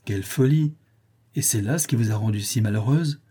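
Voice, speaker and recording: A brisk, kindly apothecary questioning a sick child, read by a man in a dark, mellow voice. He sounds a little husky and speaks plainly. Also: medium pitch, natural voice. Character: kindly blunt male apothecary, middle-aged. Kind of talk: audiobook reading.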